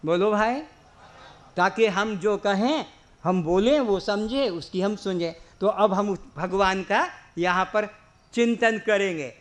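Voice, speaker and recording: Man, spiritual teacher, high voice, unhurried, questions to the audience. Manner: slow, explanatory, asks the audience questions; leads slow drawn-out chanting. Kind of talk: discourse to a seated audience.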